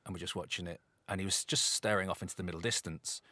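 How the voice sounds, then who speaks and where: Ex-footballer guy rambling through anecdotes, lowish voice, bright edge. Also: steady tone, quick pace, dry recording. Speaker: guest, former footballer. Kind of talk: casual chat.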